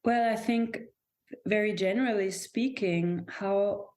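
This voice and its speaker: A German guest on a thoughtful podcast, this dance and movement teacher speaks English as her second language at a slow pace. Her voice is medium-pitched and a little mellow, and she hesitates reflectively, frequently starting over as she hunts for the right word.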